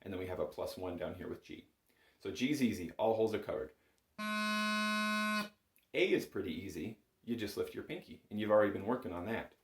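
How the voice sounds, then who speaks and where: Speaking briskly in a lowish, expressive voice, a man teaches bagpipes and pauses often. He's patient and encouraging, walking through each step conversationally inside a small home music room with roomy indoor echo.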